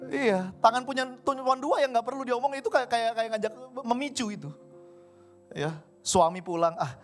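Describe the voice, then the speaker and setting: A man's voice: extremely high pitch, normal speed. A man preaching a conversational sermon, acting out everyday dialogue in different voices. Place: church service hall. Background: faint keyboard music.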